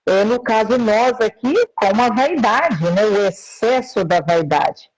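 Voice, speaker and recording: A woman speaking as a guest in a live interview, heard through a choppy, breaking-up call line, talking in a slow, measured way. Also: fairly high pitch, slightly rough. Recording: dull lo-fi call audio.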